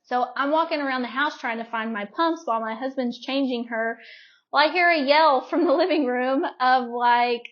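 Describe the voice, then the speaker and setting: A young woman telling a personal story on a podcast as a guest, animated and laughing, with many fillers. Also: high-pitched, moderate pace. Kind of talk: casual storytelling. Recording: dull lo-fi podcast audio.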